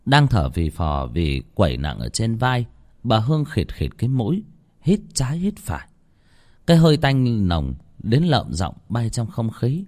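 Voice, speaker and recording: A man narrating a horror story. His mid-pitched voice swings widely, building dramatic tension line by line. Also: big pitch swings, measured pace, darkish tone.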